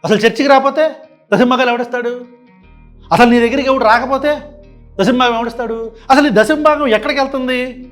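A man with a very high voice gives reaction commentary full of indignation. He piles up sarcastic rhetorical questions. Faint music plays in the background. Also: fairly even intonation, a little fast, pauses often.

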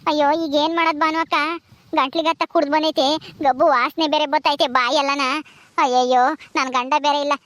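A woman's voice: sits high, steady tone, quick pace, fairly bright tone, no room sound. A woman playing a young village daughter-in-law who complains indignantly in a comedy skit. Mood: worried.

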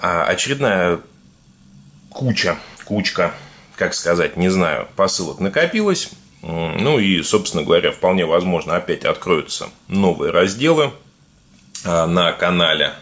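A man with a speech impediment on his R sounds, giving casual, halting unboxing commentary to viewers as a video blogger. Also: low voice, sing-song, fairly bright tone. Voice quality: burr, defective pronunciation of the R sound. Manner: halting, conversational, addresses viewers informally. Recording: clear background noise with clicks.

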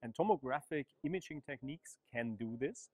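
A middle-aged man explaining a research project in an interview, measured and full of small uh pauses, on a lapel mic in a large bright hall. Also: medium pitch, lively intonation. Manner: measured, explanatory, frequent uh fillers. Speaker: project coordinator.

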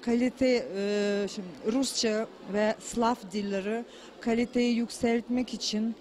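A woman answers an interviewer in halting, broken Turkish, speaking into a handheld microphone. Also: on the high side, fairly even intonation, a little mellow, slight background noise. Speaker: association president, Russian teacher. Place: indoor event venue. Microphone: handheld reporter microphone.

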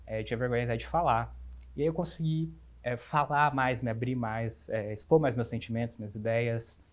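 A young man in his twenties with a Brazilian Portuguese accent speaks a little fast in a medium-pitched voice with fairly even intonation. As an interview guest, he talks openly and earnestly about his life, often restarting his sentences.

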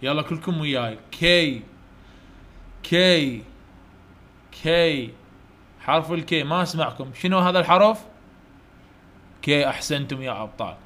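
A man's voice: fairly high pitch, lively intonation, fast talker, fairly bright tone. Encouraging Iraqi man teaching children. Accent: Iraqi Arabic. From Iraq. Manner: encouraging, repetitive, coaxing children to repeat. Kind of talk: online children's lesson.

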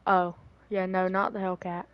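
A woman's voice: on the low side, little pitch movement, normal speed, lo-fi sound, a little hiss or hum. A woman chatting casually outdoors at dusk on a hunt, teasing and sarcastic. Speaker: hunting companion. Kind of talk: casual chat while hunting.

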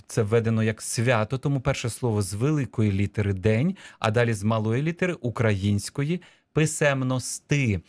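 Male radio teacher, middle pitch, dry studio sound, patient and explanatory, dictates key words slowly. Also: no echo. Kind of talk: radio lesson explaining spelling rules.

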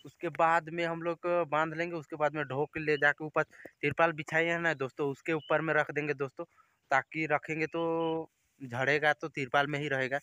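Filming himself outdoors among open farm fields, a young vlogger chats casually into a handheld phone held at arm's length. His slightly high voice has a sharp, smooth tone with little pitch movement and normal speed, and the audio is dull with no echo. He keeps addressing viewers as friends.

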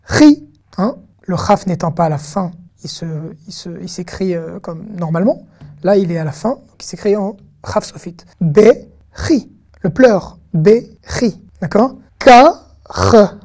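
Mellow-voiced woman teaching syllable by syllable. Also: medium pitch. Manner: patient, sounds words out syllable by syllable, checks in often. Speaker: Hebrew reading teacher. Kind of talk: online language lesson.

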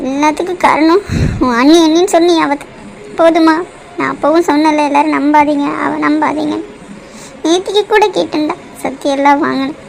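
A heartbroken young bride hurls bitter accusations in a high voice, as a woman acts her out. She sounds like a character from a cartoon drama. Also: fairly quick, vocal fry, a little hiss or hum, poor audio.

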